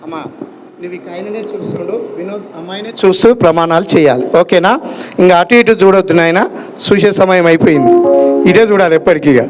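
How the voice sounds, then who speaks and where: A high-pitched man officiates a wedding, ribbing the couple before calling out the vows phrase by phrase. His delivery is jovial and loud. Soft music plays faintly underneath. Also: fast talker. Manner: jovial and teasing, loud call-and-repeat prompting. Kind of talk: wedding ceremony, leading vows line by line.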